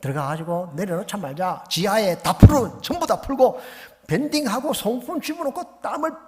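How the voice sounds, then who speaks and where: Animated preaching man in a reverberant church. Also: sits high. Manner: animated, acts out phone calls and exclamations. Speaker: missionary preacher. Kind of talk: storytelling sermon. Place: church sanctuary. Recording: long reverb of a church hall.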